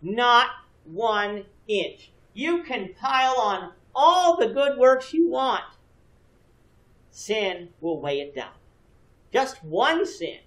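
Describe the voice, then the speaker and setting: A man's voice: very high-pitched, big pitch swings, extremely slow, a bit bright. A man in his thirties teaching a church Bible class, explaining earnestly and putting questions to his students. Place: church classroom with a projection screen. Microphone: far camera, no visible mic. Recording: echoey room from a distance.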